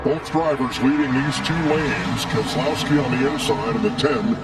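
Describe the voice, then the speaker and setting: A man calling a car race live as play-by-play announcer, briskly rattling off driver names. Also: medium pitch, distant mic.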